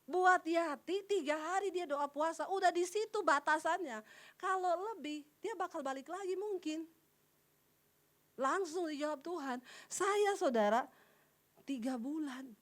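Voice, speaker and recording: A middle-aged woman preaches with a high, bright voice, talking with her congregation rather than at it. She keeps throwing rhetorical questions and chatty asides into the sermon. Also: unhurried. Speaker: evangelist preacher.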